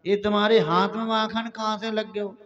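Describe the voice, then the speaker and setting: A man's voice: high voice, level tone, normal speed, fairly bright tone, lo-fi sound. A man doing a fondly scolding mother Yashoda. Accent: Bundeli. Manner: scolding affectionately.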